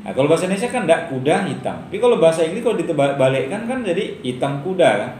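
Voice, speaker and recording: A man's voice: fairly high pitch, very animated, very fast, darkish tone. Middle-aged male lecturer, casual and joking, tosses rhetorical questions to the class; roomy room, faint noise. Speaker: university lecturer.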